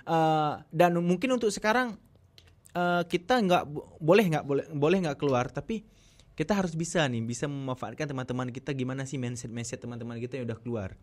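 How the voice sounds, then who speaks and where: A young man from Aceh, Indonesia, with an Acehnese accent and a fairly high voice, speaks a little fast. He is a guest on a casual podcast, talking earnestly and repeating himself for emphasis.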